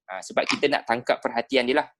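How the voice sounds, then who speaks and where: A Malaysian man with a Malay accent teaching sales skills in an online class over a video call, animated and dropping "ha" between phrases. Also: medium pitch, fast, a little hiss or hum. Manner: animated, peppered with "ha" and rhetorical checks. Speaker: sales trainer.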